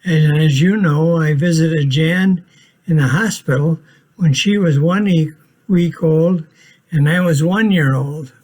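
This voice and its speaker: A man's voice: on the high side, slow, darkish tone. A man in his eighties from Minnesota, casually narrating a family home video in a plainspoken, matter-of-fact way with dry humor. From Minnesota, USA. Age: 80s.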